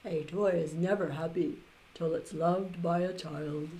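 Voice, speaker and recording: A woman's voice: on the low side, steady tone, a little slow, mellow, a little hiss or hum, pitched below the performer's own voice, lightly acted, poor audio. A woman voicing a solemn, kindly king of a toy island in a children's storybook. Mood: solemn, caring. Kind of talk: children's storybook read-aloud.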